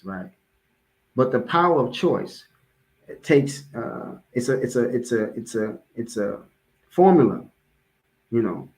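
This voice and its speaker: Recorded in low quality, a medium-pitched American man preaches an informal motivational sermon in a public address. He keeps repeating key phrases for emphasis and checks in with listeners in a conversational way.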